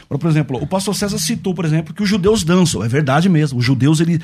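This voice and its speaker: Fast, husky Brazilian pastor. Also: male voice, fairly high pitch, a little mellow. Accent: Brazilian Portuguese. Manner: insistent, full of "for example" restarts. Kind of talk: debate on worship.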